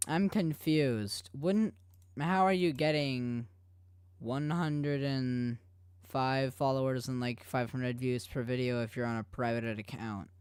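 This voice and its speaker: Smooth-voiced man chatting on stream. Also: mid-range voice, steady tone, takes it slowly, darkish tone, no echo, studio quality. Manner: rambling, full of "like" and restarts. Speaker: streamer animating live. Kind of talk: casual live-stream chat with viewers.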